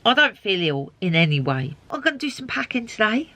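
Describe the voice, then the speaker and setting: Chatting upbeat and straight to camera, a woman hosts her own video diary from around her narrowboat and outdoors. Her mid-range voice swings widely in pitch, brisk and sharp-toned, with no echo.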